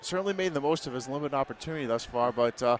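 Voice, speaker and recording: A man's voice: mid-range voice, rapid-fire, a little hiss or hum. A man giving color commentary on a basketball game in a conversational tone, with hesitant fillers. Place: high school basketball arena.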